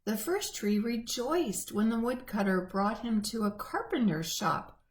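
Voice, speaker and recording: A woman reading a picture book aloud to children, gently and expressively. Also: fairly high pitch, animated, a little slow. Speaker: church children's storyteller.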